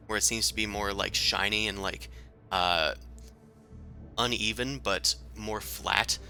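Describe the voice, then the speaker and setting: A man with a low but strikingly sharp, forceful voice narrates a tabletop game as its game master. He feels his way through each description, pausing on fillers. Faint music plays underneath. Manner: describes scenes slowly with many fillers.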